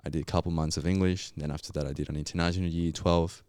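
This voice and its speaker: A young Colombian podcast guest, accent distinctly Colombian Spanish, recounts his story in a casual, reflective way with lots of fillers. His low, darkish voice stays steady at a quick pace. The recording is clean studio quality with no room sound.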